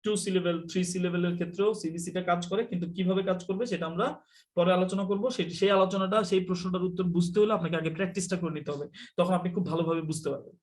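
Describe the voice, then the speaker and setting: A man's voice: sits high, fairly even intonation, fast talker. A man from Bangladesh teaching English in a live online class, chatty and teasing, mixing in English phrases.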